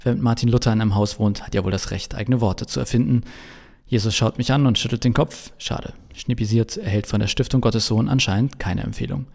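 A man's voice: mid-range voice, steady tone, brisk, gravelly, darkish tone. A male pastor telling a humorous sermon as a story, in a dry, wry way. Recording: long reverberant echo.

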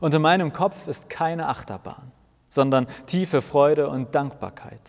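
A man's voice: fairly high pitch, a little slow, gravelly. A man narrating a first-person story for a weekly sermon podcast in a wry, self-mocking tone. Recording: long reverb.

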